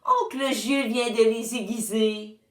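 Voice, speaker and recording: A woman voicing a soft-hearted, flustered aunt on a farm who coaxes and soothes in a slow way. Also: on the high side, pitched above the performer's own voice, lightly acted. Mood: scolding. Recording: roomy echo.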